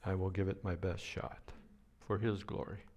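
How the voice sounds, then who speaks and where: An older man preaching a sermon as a pastor, speaking in a slow, deliberate way, with playful sound effects now and then. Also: low voice, little pitch movement, darkish tone.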